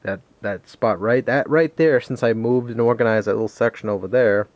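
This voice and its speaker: At home in a room, a man who collects video games and vlogs shows off items in an unscripted, casual show-and-tell, rambling, hesitant and poking fun at himself. His medium-pitched voice moves at a normal speed, and the audio sounds dull with no room echo.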